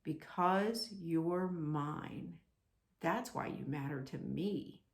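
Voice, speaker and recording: Storybook maker, played by a woman, a kindly old fatherly craftsman: low-set, gentle, thoughtful, in a roomy space. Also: drawn-out words, full character voice. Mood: tender. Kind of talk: children's storybook read-aloud.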